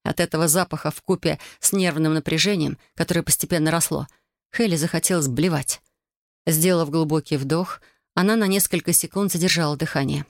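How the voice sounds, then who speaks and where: An audiobook narrator reading a tense scene in measured, even storytelling. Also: medium pitch, dry recording, studio quality. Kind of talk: scripted narration.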